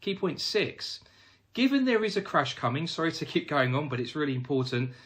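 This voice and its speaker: Male finance trainer with a slightly higher voice and animated intonation, emphatic, talks to viewers directly. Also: fairly quick. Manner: emphatic, addresses viewers as "guys". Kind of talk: direct-to-camera instructional talk.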